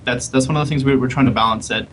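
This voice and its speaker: A man's voice: medium pitch, fairly even intonation, fairly bright tone, a little hiss or hum, poor audio. A man, a game developer, explaining his design thinking in a casual podcast panel chat. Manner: quick, explanatory, casual slang.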